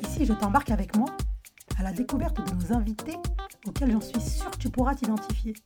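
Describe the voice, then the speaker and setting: A woman hosting a podcast in a casual interview chat, lively and quick to laugh when telling stories. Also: a little high, music in the background. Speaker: podcast host.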